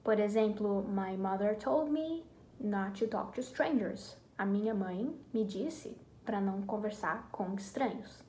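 A woman's voice: mid-range voice, lively intonation, slow, darkish tone. A woman with a Brazilian Portuguese accent, casually explaining English verbs in a chatty, hesitant way as an online teacher. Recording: echoey room with faint noise.

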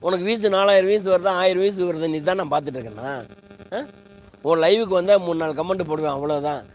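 A man rants on a livestream from home, indignant, repeating himself and demanding answers from his viewers. His voice sits a bit high, and a faint hum runs under the recording. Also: fast talker, low-quality recording. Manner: indignant, repetitive, rhetorical questions. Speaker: live streamer. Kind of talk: heated livestream rant.

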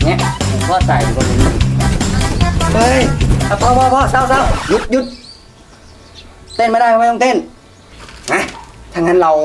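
A man's voice: on the high side, natural voice. A young man playing a friend who coaches a village girl in singing, giving orders in a bossy, pushy way. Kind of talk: short drama acting. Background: loud music.

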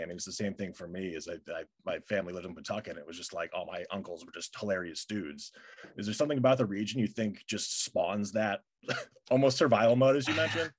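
A man's voice: on the low side, husky, no echo. A young man from Rhode Island interviewing a guest over a video call, eager and chatty with many ums. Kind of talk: interview questions. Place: home room, indoors.

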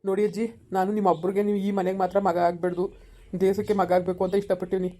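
Woman voicing a young village soldier son, soothing, rapid talk, mellow tone. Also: mid-range voice, little pitch movement, natural voice. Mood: consoling. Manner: soothing, consoling. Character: young male village soldier, earnest and gentle. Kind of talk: village family drama acting.

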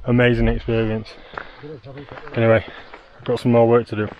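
Out on a mountain trail, a travel vlogger in his thirties talks into an action camera held at arm's length, breathless yet upbeat and cheerful as he hikes. His mid-range voice is completely flat and a little fast. The recording is muffled.

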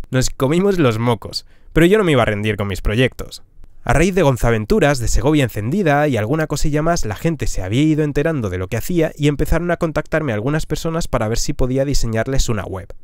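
A man's voice: medium pitch, dry recording. Man telling his story, dry sound. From Spain. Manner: lively, punchy storytelling with rhetorical questions. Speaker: travel vlogger. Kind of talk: storytelling monologue. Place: small camper van interior. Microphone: podcast mic on a stand.

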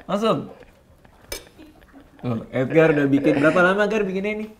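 A man's voice: high voice, expressive, a little fast, noisy background. A man in his thirties hosting a vlog, chatting casually in a playful, teasing way and laughing often. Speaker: vlog host.

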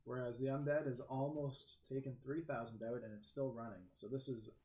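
Man casting a strategy game match. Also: fairly quick. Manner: lively play-by-play, excitable with sudden pitch jumps. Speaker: game caster. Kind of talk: esports commentary. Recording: echoey room with faint background noise.

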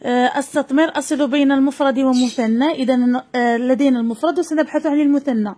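A woman with a Moroccan accent teaches young pupils a grammar lesson, dictating slowly and repeating each word. Her voice is high with a dark tone.

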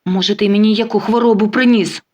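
Жінка озвучує молоду коханку, яка з огидою шипить і верещить на чоловіка. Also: female voice, medium pitch, fairly even intonation, fast talker, darkish tone, lo-fi sound, lightly acted. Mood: furious. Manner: hissing, shrieking. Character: young mistress, disgusted and furious.

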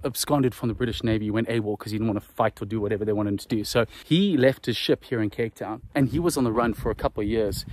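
A man in his thirties, vlogging with a phone at arm's length as he explores mountain caves, talking excitedly. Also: medium pitch, slight background noise. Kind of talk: casual adventure vlog. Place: outdoors on a mountain and inside rock caves. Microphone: phone camera at arm's length.

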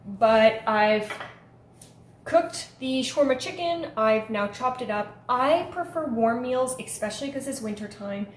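Slow, chatty woman in an echoey kitchen. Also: a little high, expressive, slight background noise. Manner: chatty and upbeat, talking through her day. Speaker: vlogger. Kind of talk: casual vlog chat to camera. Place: home kitchen and living room indoors. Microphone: camera on a stand in front of her. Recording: echoey home room.

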